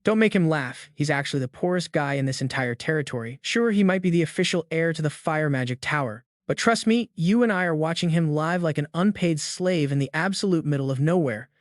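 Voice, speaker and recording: Male narrator as scheming mage, mocking and wheedling, slightly high, dry. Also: fairly quick, hardly any pauses, dry recording, natural voice. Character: sly scheming male mage, greedy adult.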